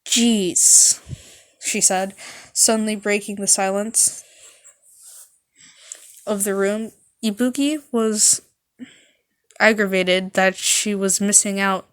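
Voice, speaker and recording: A woman with a medium-pitched voice reads fan fiction aloud as an amateur narrator, halting now and then and correcting her stumbles.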